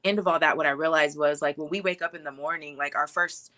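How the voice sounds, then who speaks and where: Her voice is low and steady yet pushed and bright, and she talks at a quick clip. In this casual interview on a video call, the young actress and filmmaker from Hawaii looks back on her journey, filling her sentences with "like" and "you know".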